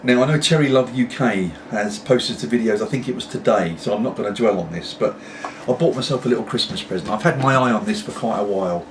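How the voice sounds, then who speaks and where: Low-voiced British man chatting, pipe in mouth. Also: fast, hardly any pauses. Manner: talking while puffing on a pipe; meandering, apologetic asides. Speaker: pipe-smoking video blogger. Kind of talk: casual rambling chat to camera. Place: at home. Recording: distant mic, clearly noisy background.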